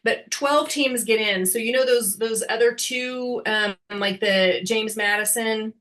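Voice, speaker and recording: A woman's voice: fairly high pitch, measured pace, a bit bright. A woman co-hosting a casual football podcast, chatty and hedging, often laughing as she talks. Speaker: podcast co-host.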